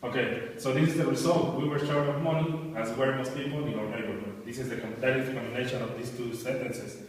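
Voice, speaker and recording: A man's voice: medium pitch, steady tone, fast, distant mic. A man explaining grammar to a class, hesitant and repeating words. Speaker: student presenter. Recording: echoey room recorded from afar.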